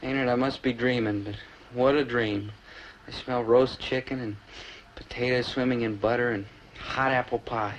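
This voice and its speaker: A man's voice: medium pitch, steady tone, moderate pace, close to an everyday voice, rough recording. An actor playing a sensible, exasperated young American man, a loyal straight-man buddy in a 1960s sitcom. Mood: dreamy. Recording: old TV soundtrack, faint noise.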